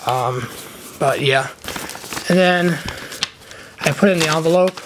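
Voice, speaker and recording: A man's voice: a little high, slow pace. A man with a slight lisp from wearing a retainer, giving a casual, off-the-cuff hands-on tutorial. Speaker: trading card hobbyist giving a how-to. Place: indoor room at a desk. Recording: noticeable background noise, handling clicks.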